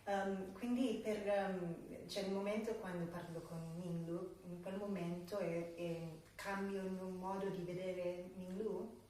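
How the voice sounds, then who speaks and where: A woman's voice: medium pitch, flat delivery, a little slow, dark tone. A young woman, an actress, talking casually and somewhat hesitantly at an audition. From half Australian, half Malaysian Chinese. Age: young adult. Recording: distant, echoey, slightly noisy room.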